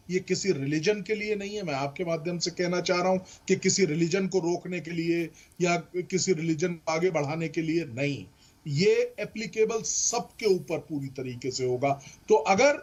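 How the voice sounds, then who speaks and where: On a debate show, a legal expert panelist with a husky, high-sitting male voice explains legal points emphatically, mixing in English terms.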